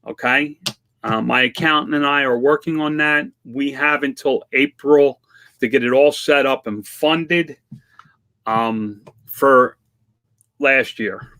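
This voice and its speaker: A man in his fifties with a medium-pitched, sharp voice hosts a vlog. He answers viewer questions in a plain, casual, conversational way, often poking fun at himself.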